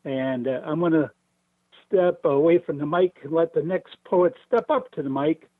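A man's voice: fairly high pitch, normal speed, no room sound. Earnest man talking over the phone. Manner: earnest, hopeful. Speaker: caller reading poetry. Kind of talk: slow earnest reading and chat. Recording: tinny phone line.

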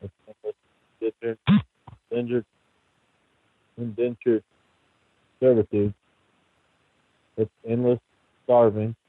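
A man calls in on a thin phone line, his voice fading in and out. He recites in a steady, flat tone with little rise and fall. The sound is dry and close, with no room around it. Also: mid-range voice, slow pace, pauses often, dry recording. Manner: flat, repetitive list-like recitation. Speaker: caller reading a poem. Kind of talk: poetry reading on a call-in show.

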